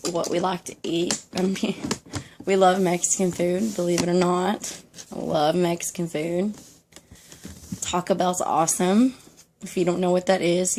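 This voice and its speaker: At home with a dog nearby, a young woman vlogger from the Southern United States chats casually to camera in a Southern American accent. Her voice is fairly low and darkish, and there's slight background noise. She laughs a lot and rambles, saying um many times.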